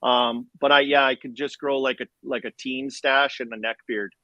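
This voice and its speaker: A man's voice: mid-range voice, steady tone, normal speed, bright, forceful tone, dry recording, dull audio. A man talking casual sports as a slangy, chirpy hockey bro ex-player. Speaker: former hockey player guest.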